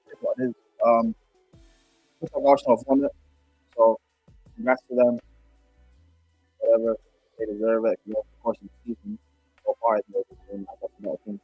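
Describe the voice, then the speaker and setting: A man chatting casually about football, halting and hesitant with many fillers, heard through a muffled, underwater-sounding microphone that keeps only the bass. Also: breathy edge, no room sound. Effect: muffled underwater-sounding mic, bass only. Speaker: guest football pundit. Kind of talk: casual chat. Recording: muffled dull microphone audio.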